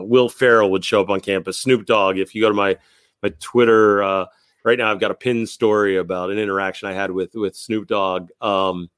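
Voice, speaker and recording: A man's voice: on the low side, no room sound. A man, likely in his thirties, telling stories as a podcast guest in a casual, rambling, enthusiastic way, often repeating words. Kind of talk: casual interview storytelling.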